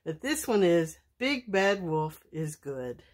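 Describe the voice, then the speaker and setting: A woman reading a children's bedtime story aloud, slowly and expressively. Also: on the low side, very animated.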